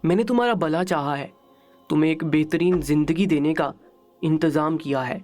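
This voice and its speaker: A man's voice: fairly high pitch, darkish tone, faint music behind, lightly acted. A man doing a stern, dismissive father. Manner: stern, curt.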